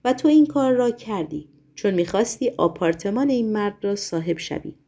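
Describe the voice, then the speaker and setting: A man's voice: high voice, lively intonation, dark tone. A woman voicing a sly male demon henchman with a nasal, accusing way of talking.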